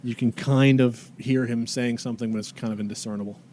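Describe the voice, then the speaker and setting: A man's voice: medium pitch, fairly even intonation, a little fast, darkish tone, a little hiss or hum. A man narrating as game master of a tabletop game, easygoing and checking the rules aloud.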